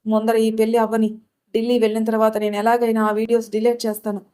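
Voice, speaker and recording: A woman's voice: fairly high pitch, completely flat delivery, fast, mellow, clean tone, close to an everyday voice. A woman voicing a caring, protective older sister who speaks firmly. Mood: comforting. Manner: comforting, then scolding.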